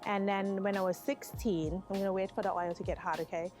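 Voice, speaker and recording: This Thai-accented woman, a guest chef from Thailand, explains her cooking step by step in a restaurant bar kitchen, laughing lightly along the way. Her mid-range voice is steady and darkish, her pace brisk, with soft background music.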